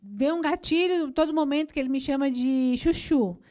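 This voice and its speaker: A woman's voice: high-pitched, lively intonation, moderate pace, darkish tone. A Brazilian woman hosting a TV talk show, chatting with her guest, agreeing and adding her own remarks. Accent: Brazilian Portuguese. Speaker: TV show host. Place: TV studio.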